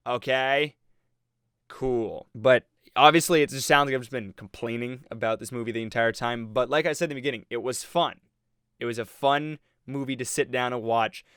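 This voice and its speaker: A man's voice: medium pitch, fairly bright tone, clean tone, no room sound, studio quality. A man giving a rambling, sarcastic movie review, acting out the audience's reactions as he goes. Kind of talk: casual commentary.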